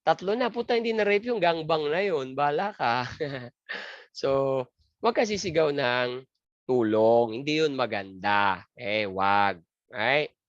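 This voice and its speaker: A man's voice: mid-range voice, lively intonation, takes it slowly, no room sound. A man giving an exam review lecture, joking crudely and asking and answering his own questions. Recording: dry, muffled lo-fi lecture audio.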